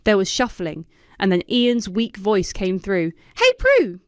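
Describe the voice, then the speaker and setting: Female narrator for a scripted story read, smooth voice, dry close sound. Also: mid-range voice, measured pace, dry recording. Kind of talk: scripted first-person narration.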